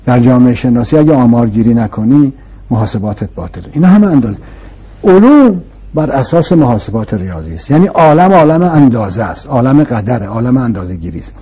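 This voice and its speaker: A man's voice: mid-range voice, mellow, slightly rough. A man explaining philosophical ideas to an interviewer in a patient, emphatic way, with rhetorical questions and repetition. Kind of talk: explanatory conversational lecture.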